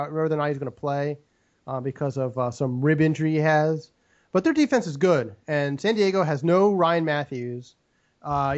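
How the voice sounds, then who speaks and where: Rambling man giving football picks, lo-fi. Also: on the high side. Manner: rambling, many fillers. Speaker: sports picks show host. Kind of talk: casual sports picks analysis.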